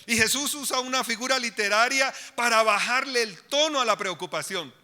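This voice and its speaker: High, bright-voiced preacher man. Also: a little fast, in a large hall. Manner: emphatic preaching, speaks directly to the congregation. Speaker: pastor. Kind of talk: sermon. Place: church.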